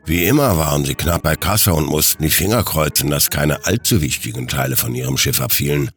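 Deep-voiced male storyteller. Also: a little fast, faint music behind. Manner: expressive storytelling. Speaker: audiobook narrator. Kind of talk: scripted narration.

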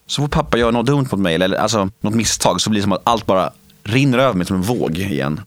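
Low-voiced man speaking haltingly. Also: expressive, no room sound. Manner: halting, many fillers and restarts. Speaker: interviewee. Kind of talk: candid personal interview.

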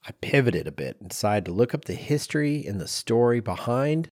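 In studio-quality audio without echo, a middle-aged podcast co-host tells researched stories conversationally, dropping in personal asides. His mid-range voice is a little mellow, very animated and brisk.

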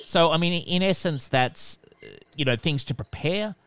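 A man with a nasal voice, a debt collection expert giving calm, instructive answers in a podcast interview. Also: fairly high pitch, normal speed, smooth, dry recording. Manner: calm, instructive, repeats "okay".

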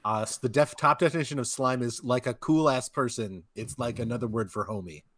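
A man's voice: medium pitch, brisk, fairly bright tone, dry recording. Irreverent male podcast co-host, dry sound. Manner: crude, irreverent joking. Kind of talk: casual sports podcast chat.

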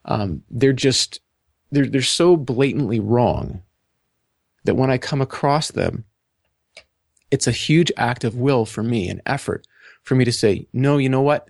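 A man co-hosting a podcast, talking through a book in halting, self-correcting speech and reading passages aloud. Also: medium pitch, gravelly, no echo, clean studio sound. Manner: halting, repeats words, reads passages aloud. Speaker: podcast co-host. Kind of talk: casual book discussion.

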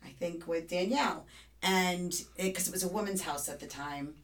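A middle-aged woman hosting a podcast, telling an anecdote in a lively way and acting out the quotes. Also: lowish voice, moderate pace. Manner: animated storyteller, acts out quotes. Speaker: podcast host. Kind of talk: casual podcast discussion.

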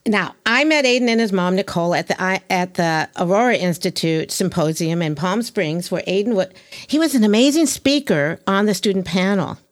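A woman's voice: medium pitch, animated, moderate pace. A woman hosting a podcast interview, chatty and enthusiastic, often laughing as she talks. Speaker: podcast host. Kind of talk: casual interview.

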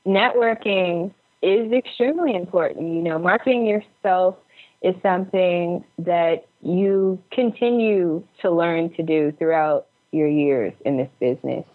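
Casual advice comes from a woman who is an actress and filmmaker, appearing as an interview guest over a remote call. Her voice sits on the low side and moves a little slowly, and the lo-fi call sounds dull.

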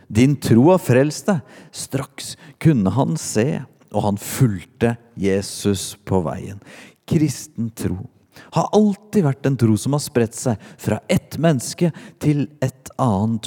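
A man from Norway preaching a sermon, his delivery swinging between loud, raised cries and soft, near-whispered lines. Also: mid-range voice. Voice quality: dark, mellow voice. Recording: church hall reverb.

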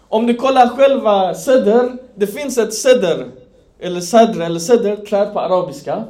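High-voiced man preaching in an echoey room. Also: darkish tone. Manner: explains terms and asks the audience questions. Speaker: Islamic preacher. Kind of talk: religious lecture.

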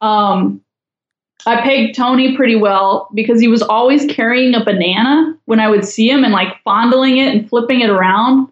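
Casting note: chatty woman guest, wry and gossipy, higher voice, roomy dull-sounding line. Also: moderate pace. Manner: wry, chatty, judgmental humor. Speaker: podcast guest. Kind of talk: casual chat.

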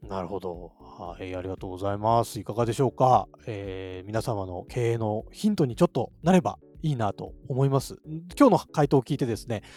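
A man's voice: fairly low pitch, fairly quick, few pauses, mellow. A man hosting a podcast in a casual but polite style, responding attentively to his guest. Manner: attentive, frequent backchannels. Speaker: podcast host. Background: faint music.

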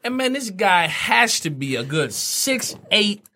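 A man's voice: sits high, a little slow. Man hosting a casual interview. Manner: storytelling, animated when telling anecdotes. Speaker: podcast host.

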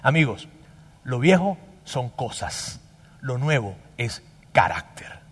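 A man preaching a sermon as pastor, emphatic and animated, dropping to a hush and then rising loud again. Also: medium pitch, takes it slowly, husky, long reverb tail.

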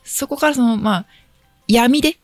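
A woman's voice: a little high, moderate pace, music in the background. A woman co-hosting a casual advice podcast, talking in an agreeable, encouraging way. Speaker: podcast co-host who gives advice.

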